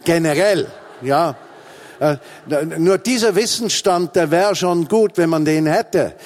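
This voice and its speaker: A Swiss pastor in his forties, with a Swiss German accent, delivers a humorous sermon built on emphatic repetition. His voice is a little high and his pace a little slow.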